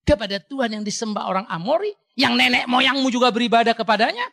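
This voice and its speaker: A man voicing an aged male war leader who gives a stern farewell charge to his people in a booming, proclaiming voice. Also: expressive, fast talker, gravelly, pushed and bright, dry recording, clean studio sound, full character voice. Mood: commanding.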